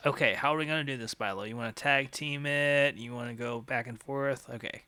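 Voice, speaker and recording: A man co-hosting a comedy call-in show, playfully rambling through silly pitches. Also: fairly quick, a crowd in the background. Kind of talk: improvised comedy talk.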